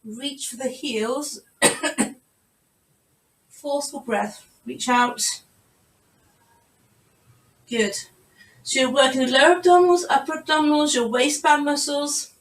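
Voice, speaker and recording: A high-pitched female Pilates instructor talks slowly, leaving long pauses, while she teaches a live class online from home. She counts reps aloud and offers encouragement. Expect distant, roomy video-call sound.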